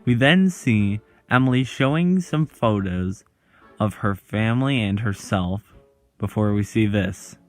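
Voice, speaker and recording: Light music plays beneath a man's scripted explainer narration as a video host. His voice is on the low side, and he speaks slowly in short phrases broken up by dramatic pauses.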